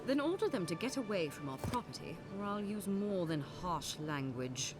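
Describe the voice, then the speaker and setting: Actor as a stern, animated imperial official. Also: mid-range voice, moderate pace, music in the background, lightly acted. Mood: indignant, threatening. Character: indignant, threatening imperial property defender. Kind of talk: fantasy video game dialogue.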